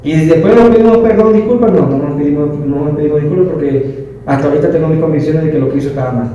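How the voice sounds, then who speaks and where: A man in his thirties tells a personal testimony to a class, emphatic and self-correcting. His voice sits a little high with a mellow, dark tone. He is heard from some distance in a strongly echoing room. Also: fast talker, highs cut off, slight background noise. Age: 30s. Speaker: leadership class participant. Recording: very echoey room, distant mic.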